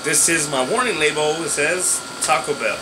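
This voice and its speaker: A man in his thirties with a slightly high voice reviews snacks casually. He is chatty and halting, talking as he eats crunchy chips. A phone picks him up in a small bedroom with a clear steady hum behind him. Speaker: food review vlogger. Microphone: phone at arm's length or propped nearby. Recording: noisy room with steady background hum.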